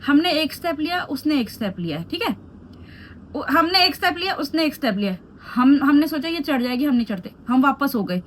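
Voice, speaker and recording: High-voiced woman telling a vlog story. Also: brisk, slight background noise. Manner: animated storytelling mixing Hindi and English. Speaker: beauty vlogger. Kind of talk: storytime vlog while doing skincare.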